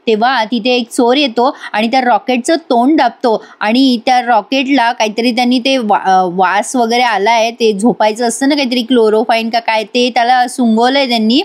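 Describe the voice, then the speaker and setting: A young woman narrates an episode recap in a chatty voice-over. She speaks directly to her viewers. Her voice sits high. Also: steady tone, normal speed, hardly any pauses. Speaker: TV serial reviewer.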